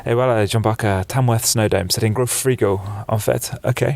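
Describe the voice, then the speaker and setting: A man from England with an English accent tinged with American, speaking as an interview guest in a relaxed, hesitant way with many fillers. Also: lowish voice, moderate pace, creaky. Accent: English with a slight American touch, speaking French. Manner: hesitant, many "euh" fillers, laughs easily. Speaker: interview guest, snowboard shop buyer. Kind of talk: casual interview chat. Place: sofa in a dark exhibition hall.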